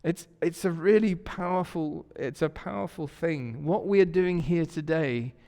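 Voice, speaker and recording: In a church sanctuary with hall reverb, a pastor delivers a conversational sermon, telling stories warmly and often repeating words as he searches for the next one. His man's voice is fairly high-pitched and unhurried.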